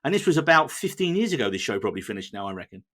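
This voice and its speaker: A man hosting a casual podcast chat, quick and chatty, swearing freely. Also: mid-range voice, sing-song, a bit bright. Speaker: podcast host.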